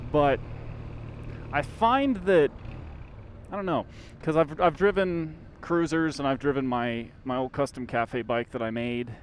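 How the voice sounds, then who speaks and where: A man's voice: medium pitch, measured pace. A man talking casually from inside a motorcycle helmet as he rides, rambling informally and interrupting himself, with some mild swearing. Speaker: motorcycle vlogger. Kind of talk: casual rambling vlog while riding. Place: outdoors, riding a motorcycle in traffic. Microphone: microphone inside a helmet. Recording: road and engine noise, inside helmet.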